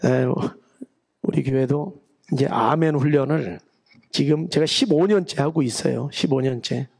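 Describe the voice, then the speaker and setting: Gravelly Chungcheong-accented pastor. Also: male voice, mid-range voice, a little slow, a little mellow. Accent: Chungcheong Korean. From Chungcheong, Korea. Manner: folksy, chatty, joking with the congregation. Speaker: guest pastor. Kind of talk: revival sermon. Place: church sanctuary.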